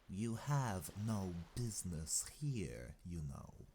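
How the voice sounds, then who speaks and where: A man voicing a stern, menacing grown man in an audiobook reading, speaking in a deliberate, commanding way. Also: deep voice, big pitch swings, dark tone, slight background noise, full character voice.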